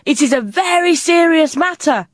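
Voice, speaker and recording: Mole rat queen, stern and silky, measured delivery, played by a woman; storybook creature, dry sound. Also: very high-pitched, expressive, dry recording, pitched above the performer's own voice.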